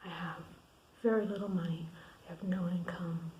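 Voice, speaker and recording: A woman recording a candid video diary alone in her room at night, venting and swearing about a hard day, often dropping to a hushed, half-whispered voice. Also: on the low side, fairly even intonation, normal speed, echoey room, dull audio, slight background noise. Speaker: vlogger.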